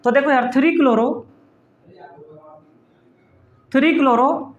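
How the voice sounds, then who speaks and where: A man's voice: very high voice, slow pace, echoey room, lo-fi sound. A male chemistry teacher giving an online class, playful and teasing, calling his students "beta" and answering his own questions. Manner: calls students "beta" affectionately.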